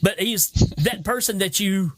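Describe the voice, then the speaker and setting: A man from Tennessee with a Southern accent, chatting as a podcast host. His voice sits fairly high, and he tells stories with energy, slipping into the voices of the people he quotes. The sound is dry and close. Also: unhurried, no room sound. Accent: Tennessee Southern American. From Tennessee, United States. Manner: animated storyteller, acts out quoted voices. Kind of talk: casual storytelling chat.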